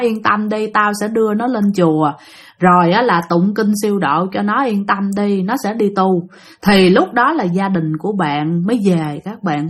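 A woman's voice: mid-range voice, fairly bright tone. A woman with a Southern Vietnamese accent, telling listener-sent ghost stories in a chatty way, speaking directly to her audience. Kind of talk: spoken storytelling.

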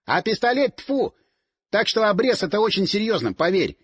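A man's voice: high voice, big pitch swings, fairly quick, fairly bright tone, breathy edge, pitched above the performer's own voice, full character voice. A man voicing a confident young man explaining matters in a self-assured way, in an audiobook. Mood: lecturing. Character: confident young man, lecturing about guns.

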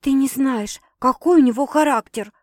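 A woman's voice: high voice, expressive, normal speed, darkish tone, no room sound, studio quality, pitched above the performer's own voice. A woman reading an audiobook voices Sasha, a rattled young woman, with exasperated, sardonic and swearing retorts.

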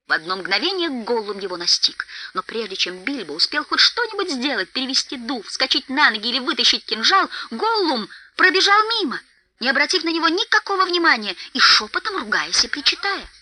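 A woman reading a fantasy audiobook aloud, expressive, dramatic storytelling. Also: sits high, rough recording. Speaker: audiobook narrator. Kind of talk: scripted audiobook narration.

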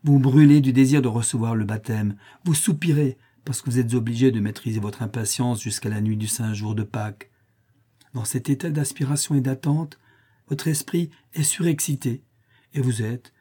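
A man's voice: medium pitch, dark tone, breathy edge, lightly acted. A man voicing a proud Byzantine empress, imperious and reproachful, in a cool, lecturing tone.

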